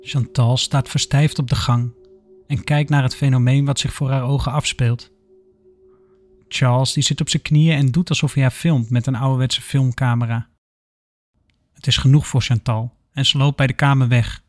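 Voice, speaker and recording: A man narrating a scripted horror story in a steady, measured way. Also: mid-range voice.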